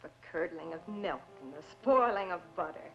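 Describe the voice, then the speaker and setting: A woman's voice: on the low side, expressive, moderate pace, soft background music. An actress playing a proud widow accused of witchcraft, speaking in a theatrical, declamatory old-fashioned way, in early 1960s film acting. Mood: accusing. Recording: dull lo-fi old film soundtrack.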